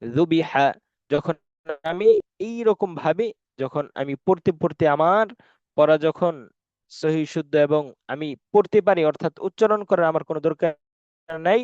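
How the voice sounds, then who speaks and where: A man's voice: a little high, a little mellow, no echo. Man teaching Quran reading online. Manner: slow, drilling recitation, asks and answers own questions. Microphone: online call. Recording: dull, dry online class audio.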